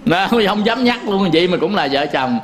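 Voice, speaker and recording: A man's voice: high voice, animated, moderate pace, a bit bright. A man giving a Buddhist sermon in a Southern Vietnamese accent, telling folksy stories with frequent chuckles and speaking straight to his listeners. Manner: folksy storytelling, chuckles often; addresses listeners directly. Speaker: Buddhist monk teacher.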